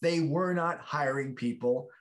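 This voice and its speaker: Unhurried and somewhat high-voiced, a middle-aged American actor chats casually as a guest about his career, rambling, restarting, and acting out the quotes he tells.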